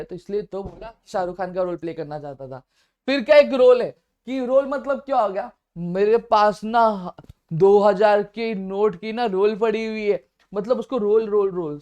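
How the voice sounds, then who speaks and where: A man teaching a grammar lesson, animated and jokey, who keeps checking that the class has understood. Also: high-pitched.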